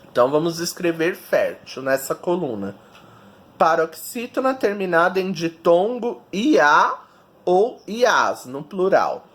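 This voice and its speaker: A man, a teacher giving a recorded video lesson and patiently explaining each step to children. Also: sits high.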